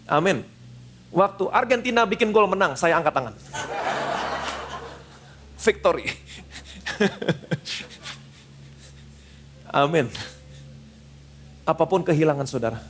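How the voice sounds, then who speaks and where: Emphatic male pastor with a high voice; repeats short lines for punch and slips English phrases into the sermon. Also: slight background noise. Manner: mixes English phrases into his preaching. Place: church service.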